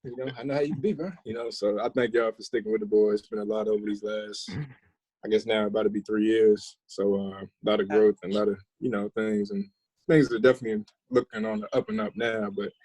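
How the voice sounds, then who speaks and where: A man co-hosting a casual podcast, talking in a slangy, laid-back way with a husky voice. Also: on the low side, quick pace, darkish tone, no echo, rough recording. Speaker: podcast co-host. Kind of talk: casual group chat.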